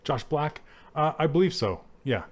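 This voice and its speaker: A man with a fairly high, animated voice talks at a normal speed while teaching 3D character sculpting on a live stream. He's a 3D art instructor giving a casual tutorial, chatty and laughing often as he works and answers chat.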